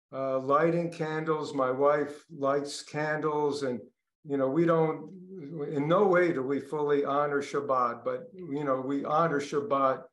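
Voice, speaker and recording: An older man with a Brooklyn accent, a podcast guest speaking reflectively with pauses and restarts. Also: a little high, fairly bright tone, echoey room. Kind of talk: podcast interview.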